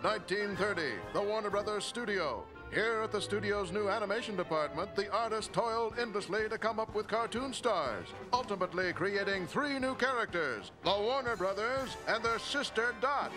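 A man voicing a brisk, grand old newsreel announcer in punchy 1930s newsreel narration. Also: sits high, animated, music in the background. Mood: announcing.

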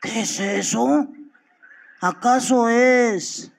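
A melodramatic man bidding his lover farewell, voiced by an actor. He speaks very slowly and deliberately in a high, theatrical voice. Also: gravelly, exaggerated voice.

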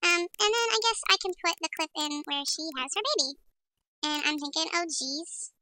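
A woman's voice: very high voice, normal speed, sharp tone, a little hiss or hum. A woman's voice sped up into a chipmunk voice, chatting casually as she walks through a video tutorial and talks to herself while editing. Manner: chatty, rambling, self-talking while editing. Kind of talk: casual screen-recording tutorial.

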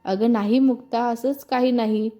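A woman voicing a cheeky young friend in a storybook reading, playful and quick to defend herself. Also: fairly high pitch, fairly even intonation, dark tone, dull audio, natural voice. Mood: defensive.

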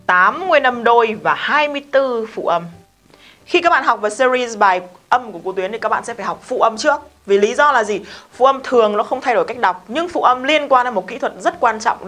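A woman's voice: a little high, a bit bright. Chatty woman teaching English. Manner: chatty, emphatic, talks straight to students with questions. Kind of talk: casual spoken lesson.

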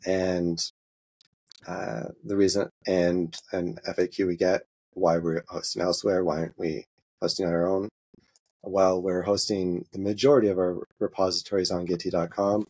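A man, an open source maintainer, walking through a software demo in an interview, halting and easygoing, with many filler sounds. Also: sits low, slightly rough.

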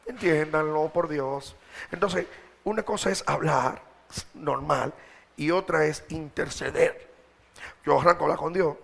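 Gravelly high-voiced preacher. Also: male voice, a little slow. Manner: direct, colloquial exhorting to a congregation. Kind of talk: sermon.

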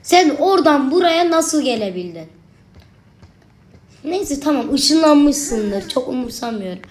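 A young woman with a slightly high voice gives let's-play commentary into a desk mic. She is chatty and jumpy, and she keeps talking back to the game. A faint hum sits under her voice. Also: a little mellow. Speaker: gaming video creator.

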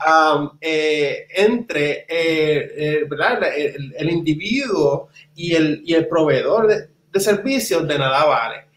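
A Puerto Rican man in his thirties answers interview questions on a video call as a community advocate, speaking Spanish sprinkled with English words. He's passionate and emphatic, repeating words for stress, in a slightly high, bright voice with lively intonation, a slow pace and few pauses. He's indoors in a small wood-walled room at home on a computer mic, and the call sounds roomy and echoey.

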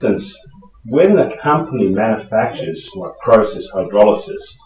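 A man explaining something in a halting way, heard in a recorded clip played back. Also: on the low side, expressive, a little mellow. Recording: muffled roomy clip from far off.

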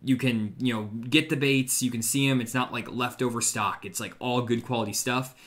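A young male host chats over a video call from his room at home, eagerly pitching and recommending with plenty of ums and likes. His voice sits at an everyday middle pitch, relaxed and conversational. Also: moderate pace. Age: young adult. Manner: enthusiastic promotional pitch with fillers. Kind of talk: casual live-stream chat.

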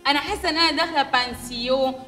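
An actress playing a haughty, sharp-tongued young woman staying at a hotel, talking in an Egyptian accent in a TV comedy. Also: sits high, rapid-fire, faint music behind. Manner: rude, bossy, mocking. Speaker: demanding hotel guest. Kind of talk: TV comedy series acting.

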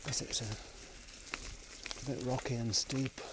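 Riding through forest trails, a middle-aged man who vlogs about cycling narrates casually and slowly, wandering off into asides to himself. His medium-pitched voice has fairly even intonation, and the small camera on his bike frame picks it up with noisy outdoor sound.

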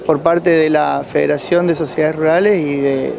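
A middle-aged Argentine man with a fairly high-pitched voice speaks as a rural association official. He gives unscripted answers into a reporter's microphone outdoors. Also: steady tone, normal speed, creaky, noisy background. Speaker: president of a rural producers' federation, interviewee. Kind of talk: on-site news interview, unscripted answers. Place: outdoors at cattle auction pens. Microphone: handheld reporter's microphone.

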